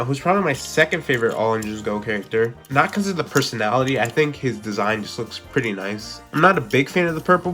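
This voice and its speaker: A man's voice: medium pitch, fairly bright tone. A man with a stuffy, congested voice from a cold, chatting casually through a toy unboxing review with lots of filler words.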